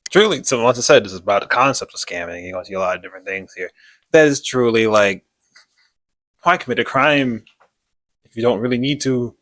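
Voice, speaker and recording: A man's voice: medium pitch, brisk, fairly bright tone, dry recording. A man co-hosting, casually reacting and commenting with some hesitant restarts. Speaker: co-host.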